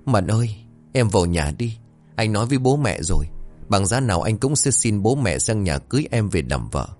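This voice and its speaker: A man's voice: on the low side, sing-song, a little fast, darkish tone, faint music behind. A man voicing a grieving, obstinate young man who speaks in a pleading, insistent way in a told ghost story.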